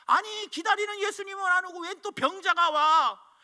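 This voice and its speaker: A man voicing a grumpy, quick-tempered old male shoemaker who shouts in indignant outbursts, told as part of a sermon story. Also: very high voice, pitched above the performer's own voice, heavily acted. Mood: angry.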